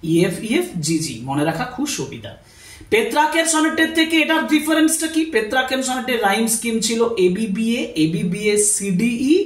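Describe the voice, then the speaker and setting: A teacher with a West Bengal accent talks students through a literature lesson, spelling out words letter by letter and pausing to ask if they follow. The voice rises and falls lively. It sits back from the mic in a roomy space with noticeable echo. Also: medium pitch, recorded from a distance. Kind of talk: exam-prep literature lesson.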